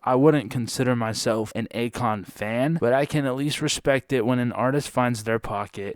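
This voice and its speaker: A man's voice: medium pitch, dry recording, studio quality. A man hosting a casual ranking commentary, sarcastic and joking, with playful jabs. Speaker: host.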